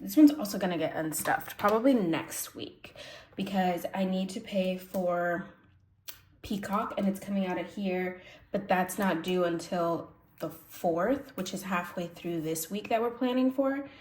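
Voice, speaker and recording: A medium-pitched, warm-toned woman with a stuffy nose hosts a budgeting vlog, casually demonstrating cash stuffing while thinking aloud and self-correcting. The recording has room echo and faint noise.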